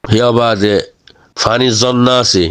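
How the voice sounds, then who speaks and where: A man's voice: medium pitch, fairly even intonation, unhurried, fairly bright tone, clear, resonant tone, faint music behind. A man with a Rohingya accent close to Chittagonian speaks informally to his community, exhorting them and often checking with rhetorical questions that they follow. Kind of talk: informal spoken address.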